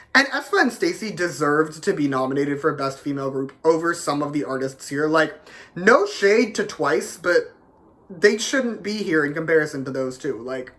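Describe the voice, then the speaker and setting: A man's voice: high voice, sharp tone. A man vlogging at home, giving blunt, sarcastic and heated opinions to camera, with a fair amount of swearing. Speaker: K-pop commentary vlogger. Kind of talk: opinionated casual rant to camera. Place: home, with a dog nearby.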